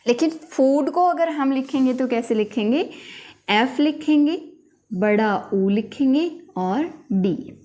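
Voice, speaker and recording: Brief: woman teacher, fairly high voice, slow and patient, explains step by step while writing. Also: lively intonation, darkish tone. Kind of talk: phonetics lesson at a board.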